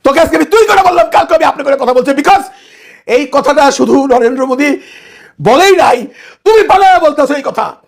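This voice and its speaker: A man giving heated online political commentary. He lets loose a scornful, shouting tirade and mixes English words into his speech. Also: very high voice, expressive, brisk, vocal fry.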